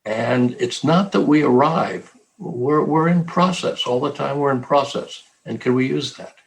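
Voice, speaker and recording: A man's voice: medium pitch, a little slow, vocal fry, poor audio. An older man speaking as a guest in an interview, thoughtful and storytelling, repeating phrases for emphasis. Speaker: guest, co-author and professor. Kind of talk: reflective interview talk.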